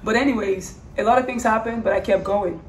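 A woman with a hoarse voice that is giving out, talking casually and earnestly in a personal vlog, rambling and repeating phrases for emphasis. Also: mid-range voice, brisk. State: hoarse, losing her voice. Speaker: vlogger. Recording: roomy, distant mic, faint background noise.

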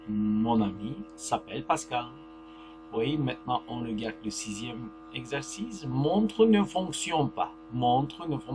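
A man teaching a French grammar lesson to young pupils, speaking slowly, repeating words and checking understanding with "d'accord?". His first language is Turkish. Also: medium pitch. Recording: music and mains hum behind.

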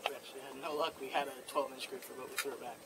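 A man's voice: mid-range voice, fairly even intonation, very fast. A nineteen-year-old man answering an officer's questions on a boat at night, polite and eager, saying ma'am. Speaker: young boater being questioned. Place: small boat on open water at night. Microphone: officer's body camera. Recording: loud noisy bodycam audio.

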